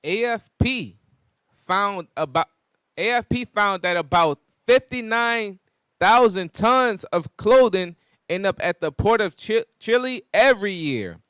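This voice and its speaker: A man with a high voice in a close, dry recording. He reads news aloud in a halting way and speaks casually. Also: lively intonation, fairly bright tone, clear, resonant tone, dry recording. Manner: halting reader, stumbles over words. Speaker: article reader on a group discussion show.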